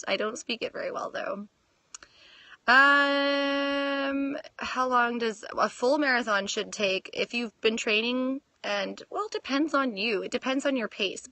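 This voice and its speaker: Bright, chatty woman in her thirties. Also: a little high, dry recording. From Canada. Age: 30s. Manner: chatty, reads viewer comments aloud, laughs often. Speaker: fitness livestream host. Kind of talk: casual live Q&A. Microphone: phone.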